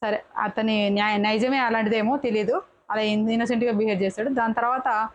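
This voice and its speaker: A woman's voice: fairly high pitch, fairly even intonation, highs cut off, a little hiss or hum. A woman reviewing a reality show episode in a casual, chatty way, often breaking off and correcting herself mid-word. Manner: chatty, quick restarts and self-corrections.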